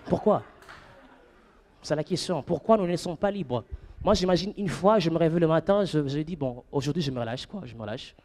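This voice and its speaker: A man doing a stand-up comedy set on stage, playful and animated, breaking into falsetto and shouts for gags. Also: a little fast. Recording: live club with audience.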